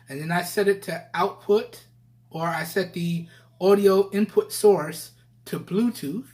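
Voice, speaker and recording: A man casually presenting a tech review video, his voice recorded through the built-in microphones of Bluetooth earbuds and often checking in with viewers. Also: fairly high pitch. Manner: chatty, addresses viewers, keeps checking in with "all right?". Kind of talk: casual product-test vlog.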